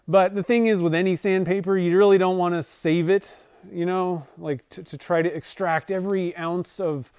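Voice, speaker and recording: A man's voice: high voice, fairly even intonation, moderate pace, a little mellow, smooth, dry recording, clean studio sound. A man in his forties hosting a casual livestream from his workshop, rambling with frequent self-corrections and chuckles. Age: 40s. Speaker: livestream host. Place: home workshop.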